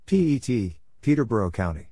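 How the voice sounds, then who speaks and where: Against a noisy background, a very animated man with a mid-range voice speaks a little fast. As a Morse code practice instructor, he reads out a script of codes and place names, spelling each letter in short, isolated bursts.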